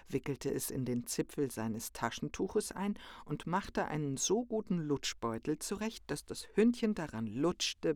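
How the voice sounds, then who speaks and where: A storyteller reading a children's tale aloud in a lively, expressive manner. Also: mid-range voice, no room sound, clean studio sound.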